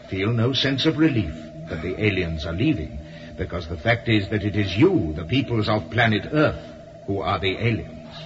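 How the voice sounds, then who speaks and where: An actor playing the grave, measured voice of an alien spirit council speaking as one, in a radio drama. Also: male voice, mid-range voice, highs cut off, natural voice.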